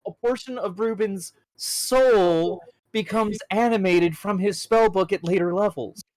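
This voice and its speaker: A woman's voice: mid-range voice, a little slow, a little mellow, no room sound, poor audio. A woman player chatting and joking at a tabletop game, laughing often. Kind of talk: casual tabletop chat.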